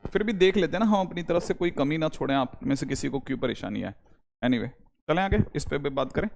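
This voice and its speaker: A man's voice: fairly high pitch, animated, brisk, gravelly, slight background noise. A young man teaching a maths class online, repeating reminders to his students and switching between Hindi and English. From India. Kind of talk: online lecture.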